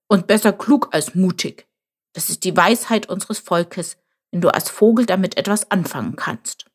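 A woman's voice: fairly low pitch, moderate pace, lightly acted. A woman voicing a small, clever male jackal who tells tales in a knowing, slightly scornful way. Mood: wry. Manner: knowing, leisurely storyteller.

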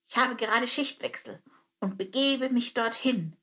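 A woman's voice: fairly high pitch, a little slow, bright, forceful tone, voice pushed up. A woman plays a stern male termite captain in a storybook reading, with a metallic, clipped voice. He barks out short military phrases, raised and a bit strained. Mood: friendlier. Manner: curt, clipped military commands.

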